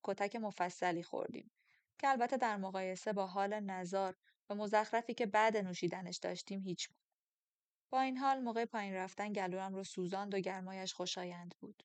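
A woman narrating a first-person audiobook in a measured, steady storytelling voice, close to the mic. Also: medium pitch, dry recording.

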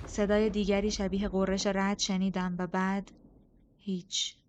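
Woman narrating a dark fantasy audiobook. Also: medium pitch, level tone, a little hiss or hum. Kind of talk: scripted first-person narration.

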